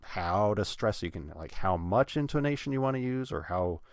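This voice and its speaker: A man teaching pronunciation in a casual, explanatory way, pausing often with fillers and restarts. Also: on the low side, animated, dry recording, studio quality. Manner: hesitant, many restarts and fillers, trailing off quietly.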